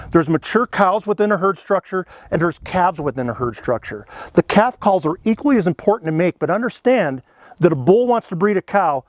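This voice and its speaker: A man's voice: on the high side, no room sound. A middle-aged man giving a casual, folksy lesson, explaining things step by step with friendly asides. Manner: folksy, earnest, explains step by step with "you know" and "okay". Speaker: elk calling instructor. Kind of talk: casual instructional demonstration.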